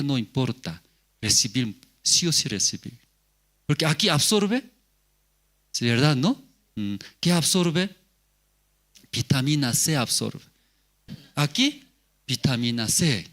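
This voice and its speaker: A man's voice: medium pitch, fairly bright tone. A male pastor giving a sermon, asking the congregation rhetorical questions and repeating key words.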